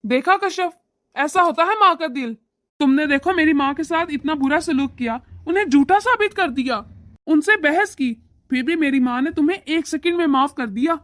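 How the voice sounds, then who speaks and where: A woman voicing a young husband in an animated family story, lecturing his wife and doting on his mother. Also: high-pitched, moderate pace, dry recording. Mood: scolding. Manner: scolding, lecturing. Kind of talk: animated moral story voice acting.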